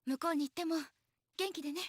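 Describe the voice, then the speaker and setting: A woman's voice: very high-pitched, racing, no room sound, clean studio sound. A woman voicing sweet, emotional young schoolgirls in Japanese anime game style. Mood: gentle, wistful. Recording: game music behind the voice.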